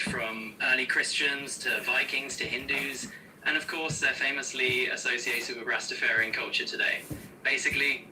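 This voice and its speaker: A man's voice serving as an AI co-host, answering questions in a smooth, upbeat, explanatory way with casual slang. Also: medium pitch, sharp tone, recorded from a distance, slight background noise, low-quality recording. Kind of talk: conversational Q&A co-hosting.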